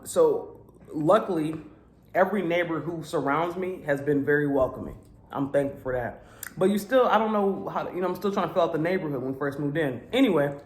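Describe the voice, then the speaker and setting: A woman hosting a casual eating vlog at home, telling stories with an animated, drawling, laughing manner. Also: deep voice. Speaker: vlog host. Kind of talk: casual chat while eating. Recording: echoey room.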